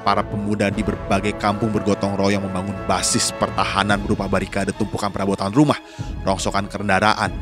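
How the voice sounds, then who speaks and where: Low-voiced male documentary narrator. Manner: formal, dramatic. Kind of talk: scripted historical documentary narration.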